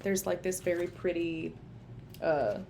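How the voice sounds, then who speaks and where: A woman from Minnesota, a licensed social worker and therapist, chats informally in a home video reviewing a book. Her voice sits lowish and creaky with a dark tone, and she speaks unhurriedly with her Minnesota accent. She records in a home room she uses for telehealth sessions, with slight background noise.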